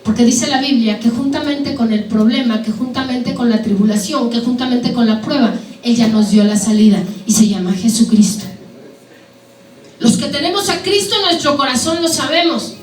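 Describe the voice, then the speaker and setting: Woman preacher, high voice, echoey hall, sermon with questions to the congregation. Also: moderate pace. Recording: echoey hall, mic at a distance, faint background noise.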